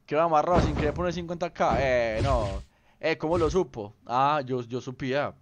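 A man's voice: fairly high pitch, normal speed, background noise. A young man, chatting casually on a game stream, teasing and greeting viewers by name. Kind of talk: casual live-stream chat.

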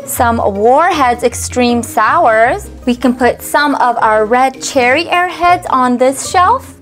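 A woman with a high-sitting voice narrates a toy unboxing in a cheerful, sing-song voice-over. She names each item as she stocks a miniature store.

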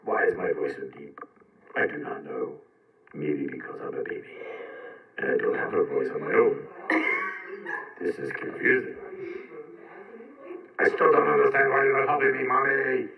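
A man voicing a baby boy who talks in a deep gas voice, dubbed low, demanding and wailing for his mommy, heard from a clip played on a tablet. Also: steady tone, normal speed, vocal fry, long pauses, far from the mic. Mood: confused. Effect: deep gas voice, dubbed low over a baby. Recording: dull, roomy clip played on a tablet from afar.

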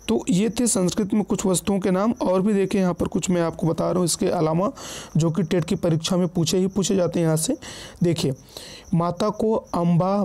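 A man's voice: sits high, warm tone. A man teaching an exam-prep vocabulary lesson, going down a list word by word, often checking in with listeners and correcting himself. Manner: repeats "ठीक है" as a check-in, self-corrects.

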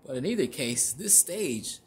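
A man narrating a casual walking tour inside a large store, halting often with fillers and restarts. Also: a little high, big pitch swings, slight background noise. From Chicago area. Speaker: vlogger.

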